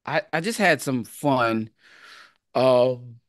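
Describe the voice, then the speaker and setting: A man who is an educator co-hosting a casual podcast chat, talking in a relaxed, easygoing way. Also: mid-range voice, slow pace, dry recording, studio quality. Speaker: educator, co-host.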